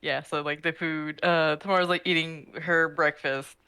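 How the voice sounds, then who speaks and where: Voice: mid-range voice, little pitch movement, moderate pace, sharp tone, smooth, no room sound. A game master narrating a tabletop game in a rambling way with many restarts. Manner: rambling, lots of fillers and restarts.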